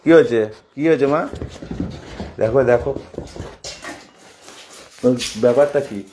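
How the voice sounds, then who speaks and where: A man's voice: mid-range voice, measured pace, mellow, slight background noise. A man talking to his pet dog, coaxing it and asking it the same questions over and over. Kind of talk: casual talk to a pet.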